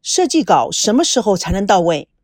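Woman reading as a busy businessman dad, short brisk lines, soft with his kid, dry close sound. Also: medium pitch, very animated, no echo. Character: busy middle-aged businessman father, brisk but doting.

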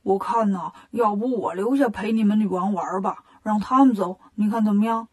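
A woman's voice: mid-range voice, normal speed, slightly rough, pitched below the performer's own voice, natural voice. A woman voicing a greedy, clumsy male pig-monk in a children's storybook, eager and boastful.

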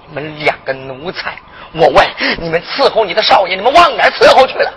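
A performer doing a stern old noble grandmother in a sung folk tale, scolding with a lively, swooping sing-song line. The voice sits at a middling pitch over a noisy live recording. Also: brisk, close to an everyday voice. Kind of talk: Henan zhuizi ballad singing-storytelling.

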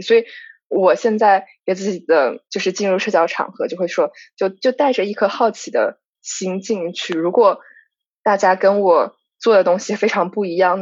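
Husky woman musing aloud, dry dull sound. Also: medium pitch, no room sound. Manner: reflective, thinking aloud. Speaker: podcast co-host. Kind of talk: casual chat.

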